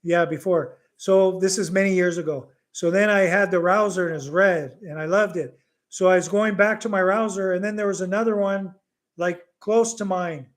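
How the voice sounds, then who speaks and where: A middle-aged man with a notably high voice hosts a relaxed livestream from home. He tells a story with lively energy and slips Bisaya words into his English. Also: normal speed. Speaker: livestream host. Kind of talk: casual live Q&A chat and storytelling.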